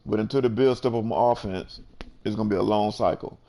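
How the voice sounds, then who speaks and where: A man's voice: fairly low pitch, fairly quick, gravelly, warm tone. A man hosting a casual sports chat, laid-back and peppering his talk with "you know". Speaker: host.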